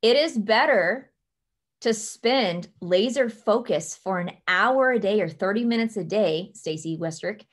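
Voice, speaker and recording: A young woman leading her team from a home office over a webcam, giving earnest, emphatic advice and slowing down to stress her key points. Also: mid-range voice, lively intonation. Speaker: team leader. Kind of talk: motivational coaching talk.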